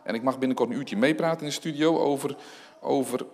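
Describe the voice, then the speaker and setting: A man giving a sermon and reading scripture aloud, animated and full of rhetorical questions. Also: mid-range voice, fast talker. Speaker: lay preacher. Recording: long hall reverb.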